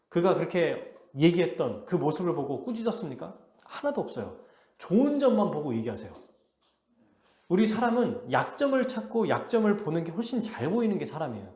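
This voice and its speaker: A male pastor preaching a sermon with animated delivery, acting out the quotes he reads. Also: high voice, echoey room. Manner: animated, acts out quotes in a lively voice. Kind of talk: expository sermon. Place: church sanctuary.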